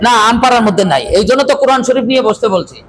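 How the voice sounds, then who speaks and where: Man, very high voice, Quran recitation teacher, keeps asking "right?", faint noise behind. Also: rapid-fire. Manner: repeats checking questions to students, stresses letters aloud. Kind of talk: classroom recitation lesson.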